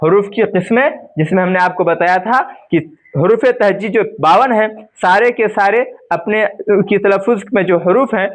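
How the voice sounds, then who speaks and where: A man teaching a grammar lesson, asking questions and then answering them himself, stretching out example words slowly, with a Bihari Hindi accent. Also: high-pitched.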